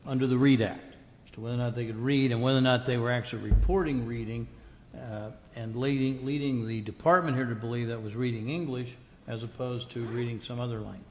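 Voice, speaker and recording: A man serving as a board member, debating in a meeting with deliberate, pointed questions. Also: medium pitch, steady tone, big-room sound, a little hiss or hum. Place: meeting room.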